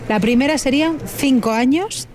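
A woman hosting live radio from inside a large store, chatty and lively, laughing often. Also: sits high, normal speed. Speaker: radio host. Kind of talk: live radio chat on location.

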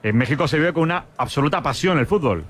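A man with a Spain Spanish accent hosting a radio sports show, quick and joking as he fires questions at his guests. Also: a little high, lively intonation. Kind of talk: lively radio sports chat.

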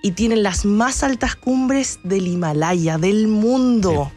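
A woman's voice: medium pitch, takes it slowly, a little mellow, soft background music. A Chilean woman, a guest on a radio show, talking with enthusiasm about travel and laughing easily. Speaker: travel agency press chief, guest.

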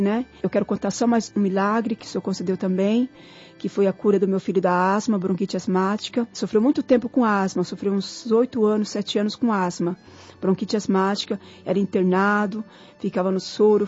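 A woman's voice: medium pitch, warm tone, breathy edge. A woman giving an earnest, grateful church testimony, repeating her thanks, in a dull lo-fi recording with faint music.

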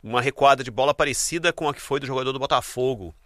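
A male radio sports host with a bright, forceful voice. He keeps an upbeat, quick banter going on a dry studio mic. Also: medium pitch, no echo. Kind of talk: casual radio sports chat.

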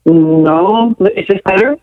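A woman's voice: medium pitch, slow, dry recording. A middle-aged woman calling in on speakerphone, muffled as if in a tunnel, talking hesitantly and restarting her words. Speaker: caller. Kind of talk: phone-in call. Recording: thin phone line, dry.

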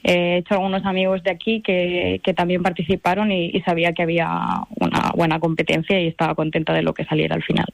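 A woman in her twenties from Spain, a guest artist, answers radio interview questions in a chatty, hesitant way full of fillers and restarts. Her fairly low voice is creaky and flat, delivered fast with hardly any pauses, in a dry recording.

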